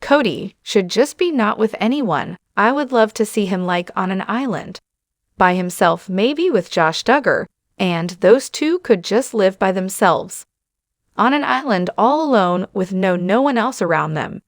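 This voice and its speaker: A woman talks straight to her viewers in loose, opinionated commentary, padding her points with fillers. Her voice sits at a middling pitch. It is recorded dry and close, with no room sound. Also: lively intonation, unhurried, dry recording. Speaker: channel host. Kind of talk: casual commentary.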